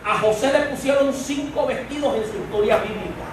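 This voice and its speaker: A man's voice: very high-pitched, brisk. A man preaching a sermon in a church, speaking emphatically and addressing the congregation directly. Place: church sanctuary. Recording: echoey church from far off, faint hiss.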